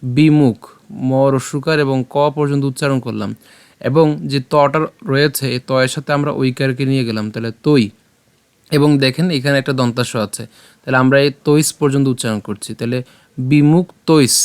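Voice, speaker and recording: Man slowly spelling out a verse. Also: mid-range voice, steady tone, clean tone. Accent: Bengali. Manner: slow syllable-by-syllable chanting of verses. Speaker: Sanskrit recitation teacher. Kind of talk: step-by-step pronunciation lesson.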